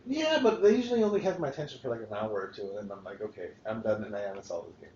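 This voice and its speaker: A man's voice: medium pitch, expressive, rapid-fire, a little mellow, slight background noise. A man hosting a casual podcast chat, rambling and swearing freely with frequent restarts. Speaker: podcast host. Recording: roomy, dull lo-fi podcast recording.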